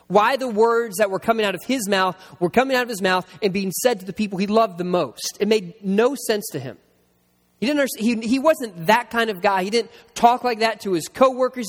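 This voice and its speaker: A man with a high voice preaches a sermon, weaving in personal stories and slowing down to repeat his key lines for emphasis. His voice rings out with a long reverb tail, as if he is filling a large church hall. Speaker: pastor.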